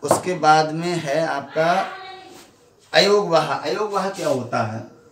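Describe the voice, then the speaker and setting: Echoey Hindi schoolteacher asking questions. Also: male voice, fairly high pitch, slow pace, a bit bright, recorded from a distance, a little hiss or hum. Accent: Badaun Hindi. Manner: asks questions and answers them himself. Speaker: Hindi teacher. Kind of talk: classroom lesson. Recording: echoey room, voice off-mic.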